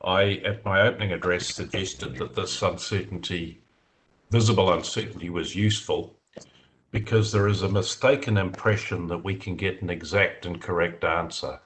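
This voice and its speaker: A man explaining statistical software methods in a video meeting, measured and explanatory, with frequent fillers. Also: deep voice, steady tone, low-quality recording. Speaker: software developer answering committee questions. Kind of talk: technical discussion in a video meeting.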